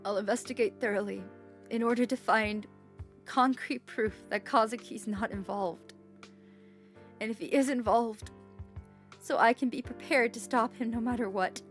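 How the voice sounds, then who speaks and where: A woman's voice: a little high, normal speed, faint music behind, natural voice. A woman voicing a young policewoman heroine from a story game, trembling and pleading. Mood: resolute.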